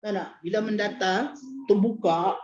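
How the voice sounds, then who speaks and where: Leading a relaxed hadith class in a prayer hall, this female teacher keeps things chatty, cracks jokes, laughs, and leans on "nak, nak" as filler. She speaks unhurriedly in a mid-range, darkish voice, and the lo-fi recording sounds dull.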